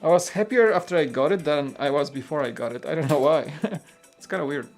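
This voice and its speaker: With a voice on the high side and a brisk pace, a Polish-accented man from Poland hosts a laid-back live stream and reads viewer comments. He meanders, relaxed, with frequent fillers and restarts, and soft background music runs underneath.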